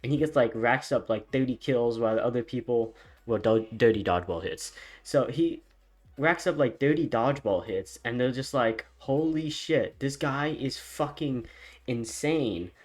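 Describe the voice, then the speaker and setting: A man's voice: medium pitch, normal speed. A man casually telling a story as commentary while he animates, rambling and swearing, with loose fillers.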